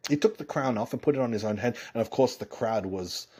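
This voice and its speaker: A rabbi tells a Torah story with animated energy, often restarting and correcting himself as he goes. His voice is husky and sits at an ordinary pitch for a man. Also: brisk. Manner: animated retelling with frequent restarts and self-corrections.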